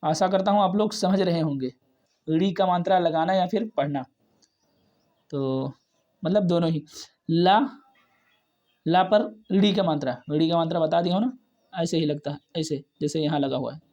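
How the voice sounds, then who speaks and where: A man's voice: on the high side, moderate pace, pauses often, dark tone, muffled recording. Patient man teaching Hindi reading. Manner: repeats each syllable and word several times, patient. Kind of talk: slow step-by-step reading lesson.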